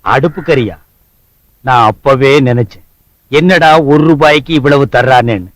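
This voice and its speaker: An actor playing a boastful, broke, drunken husband who trades sarcastic insults in a film comedy scene. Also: male voice, medium pitch, normal speed, no room sound, close to an everyday voice, poor audio. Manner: sarcastic, mocking, loud insults. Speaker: comic actor.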